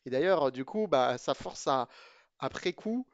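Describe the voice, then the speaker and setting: A man's voice: mid-range voice, expressive, unhurried, no echo, highs cut off. A man giving a casual spoken review of programming books to his viewers, chatty and opinionated, hesitating with many fillers and restarts.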